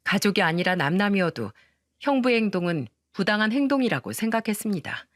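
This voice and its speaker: A woman's voice: medium pitch, big pitch swings, brisk, no echo, clean studio sound. Woman narrating an indignant story. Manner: indignant first-person storytelling.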